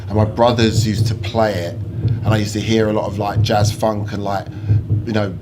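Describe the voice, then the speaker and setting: A man's voice: fairly low pitch, level tone, normal speed, noisy background. A man, chatting casually as podcast host, rambling with many fillers and restarts. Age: 40s. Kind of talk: casual chat.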